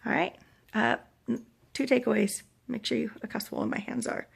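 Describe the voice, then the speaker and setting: Gravelly American woman, weak after surgery. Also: fairly high pitch, sing-song, moderate pace. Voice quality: gravelly, husky, breathy. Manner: rambling, hesitant, trailing off. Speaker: vlogger sharing surgery recovery. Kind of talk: casual personal vlog. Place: hotel room.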